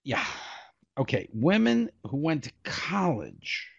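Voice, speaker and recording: A man's voice: fairly high pitch, huge pitch swings, slow pace, vocal fry, slightly rough, no room sound. A man co-hosting a comedy podcast, cracking jokes and laughing at his own puns. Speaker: podcast co-host. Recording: dull lo-fi podcast audio.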